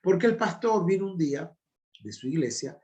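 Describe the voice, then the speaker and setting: Speaking at a normal pace in a warm, fairly high voice with big swings in pitch, a pastor in his fifties leads a Bible class. He has an Argentine Spanish accent and keeps it loose and sermon-like, weaving in personal stories and emphatic, conversational asides.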